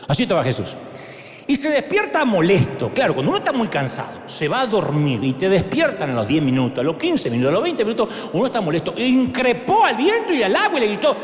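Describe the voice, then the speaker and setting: Animated Argentine pastor in an echoing hall. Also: male voice, high voice, fast talker. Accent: Argentine Spanish. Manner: theatrical, acts out quotes and shouts for emphasis. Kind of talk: sermon. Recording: echoey hall with long reverb.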